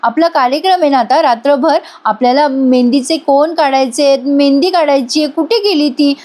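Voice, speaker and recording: A woman voicing an elderly woman who is confused and agitated, raising her voice in a high pitch. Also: moderate pace, a little mellow, natural voice. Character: frantic elderly woman, grief-stricken and confused.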